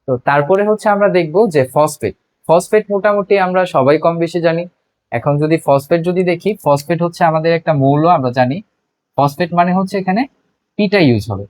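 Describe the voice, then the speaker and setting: Fast-talking male tutor, dry sound. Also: fairly high pitch, no echo. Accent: Bangladeshi Bengali. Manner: explains step by step, asks and answers his own questions; constant filler words, frequent restarts. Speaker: biology tutor. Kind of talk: classroom lecture.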